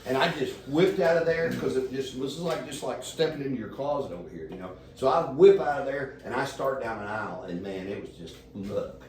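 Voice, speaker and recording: A man telling a long, profane story in a rambling, animated way as a podcast guest. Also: medium pitch, a little fast, hardly any pauses. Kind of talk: casual storytelling. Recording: echoey room, distant mic, faint noise.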